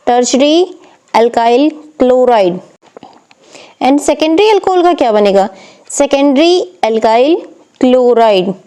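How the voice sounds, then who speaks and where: Woman chemistry tutor, high mellow voice, patient step-by-step explaining. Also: smooth. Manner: explains step by step, asks and answers own questions. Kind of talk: exam paper walkthrough lesson.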